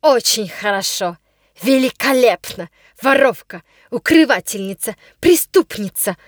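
A woman's voice: on the high side, expressive, measured pace, no room sound, clean studio sound. A woman voicing a furious middle-aged governess who shrieks accusations in a storybook reading.

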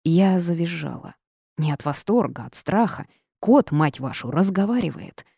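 A woman reading a first-person audiobook with lively, wry storytelling. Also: lowish voice, moderate pace, vocal fry, breathy edge, no room sound, studio quality. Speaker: audiobook narrator.

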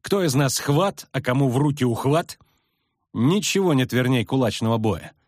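A man's voice: mid-range voice, lively intonation, normal speed, no echo, studio quality, voice pushed up, natural voice. A man voicing a fierce young woman archer who speaks tersely through clipped words in an audiobook. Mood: furious.

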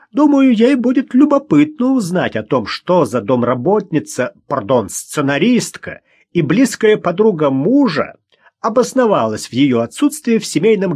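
A man voicing a brash, mocking young man who jeers and shouts in an audiobook. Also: sits high, slightly rough, pitched above the performer's own voice, heavily acted. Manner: jeering, shouting, cackling. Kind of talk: audiobook character voice.

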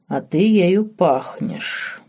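A woman voicing a seductive duke, slow and hushed. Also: fairly low pitch.

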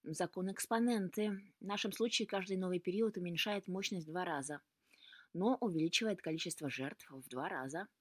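A woman reading the lines of a calm, wise woman healer in a story, who gives advice in an instructive, steady way. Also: fairly low pitch, brisk, no room sound, clean studio sound, close to an everyday voice. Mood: calm, advising.

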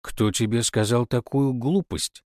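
A man's voice: medium pitch, unhurried, darkish tone, no room sound, studio quality, close to an everyday voice. A man voicing a sensible talking wolf who speaks with incredulous reproach. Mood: reproachful.

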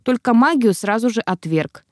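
Woman audiobook narrator, first person, wry and expressive; dry read. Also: fairly high pitch, normal speed, no echo.

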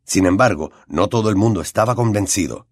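A male audiobook narrator with a Latin American Spanish accent, telling the story expressively. His pitch is mid, with a lively, swinging melody. The recording is close and dry, with no room sound. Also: a little fast, dry recording.

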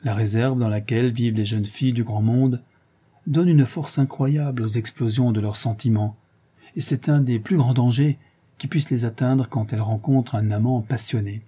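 A man narrating a classic novel as an audiobook, in a measured, even reading. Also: mid-range voice, breathy edge.

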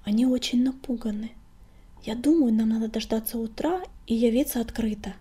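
A woman voicing a young ginger male warrior cat, a calm, thoughtful leader, in whispered role-play. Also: fairly high pitch, brisk, slightly rough.

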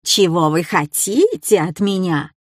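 A woman voicing a calm, menacing young masked man. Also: on the low side, a little slow, no room sound, clean studio sound. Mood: cold. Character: cold, controlled young masked man, Kai.

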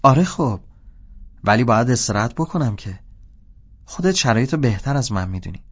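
A man's voice: mid-range voice, expressive, husky. A man putting on a tired, irritable woman. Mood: flirtatious. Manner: curt, suspicious, then flirtatious. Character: sleepy irritated adult woman woken at night. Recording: dull lo-fi audio.

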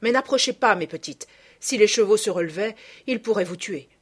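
A woman's voice: mid-range voice, lively intonation, fairly quick, breathy edge. A woman reading a storybook, voicing a caring adult nursemaid who speaks urgently and warns the children. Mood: alarmed. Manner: urgent and warning.

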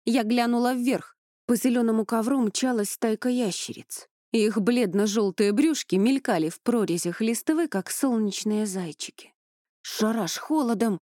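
A woman narrating a first-person fantasy audiobook in an expressive, dramatic manner. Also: a little high, moderate pace, no echo, studio quality.

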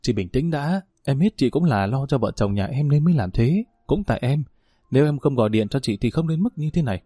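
A man's voice: mid-range voice, lively intonation, a little fast, mellow, slightly rough, no room sound, studio quality. A man voicing a scheming young stepmother who pleads and defends herself in a spoken family drama. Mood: soft, tearful.

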